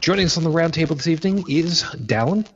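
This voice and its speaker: Over a video call, a New York podcast host leads a casual roundtable, speaking bluntly and swearing freely. His voice is a little high, animated, and quick, and the dull lo-fi recording carries slight hiss or hum.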